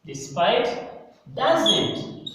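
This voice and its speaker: A man teaching an English grammar lesson, speaking slowly and repeating and stressing key words, recorded in a classroom. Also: sits high, very animated, fairly bright tone. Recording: echoey hall, mic far off, faint noise.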